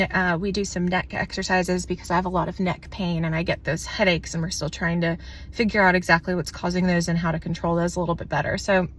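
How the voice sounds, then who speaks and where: A woman talking casually to the camera in a vlog, out of breath and shaky, her words a little slow and slurred, candid and chatty with fillers. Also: fairly low pitch, a bit bright. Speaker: vlogger.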